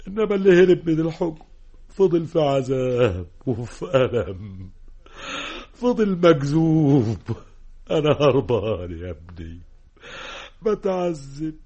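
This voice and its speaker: A man's voice: on the high side, expressive, takes it slowly, warm tone, breathy edge, heavily acted. An actor with an Egyptian accent playing a guilt-ridden craftsman in an old radio play, brooding and anguished. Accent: Egyptian Arabic. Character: guilt-ridden middle-aged craftsman, tormented. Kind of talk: 1960s Egyptian radio drama acting. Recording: dull old radio recording.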